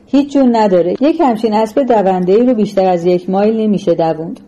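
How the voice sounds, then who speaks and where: A woman's voice: medium pitch, dark tone, lo-fi sound, natural voice. A woman voicing a wry man watching the horse races, with dry, offhand remarks.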